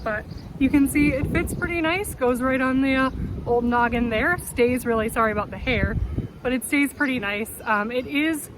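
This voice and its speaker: Outdoors in a windy city backyard, a woman presents hiking gear, chatting casually and keenly to her viewers in an upbeat way. Her voice is fairly high. Wind, passing vehicles and other urban noise are clearly audible around her.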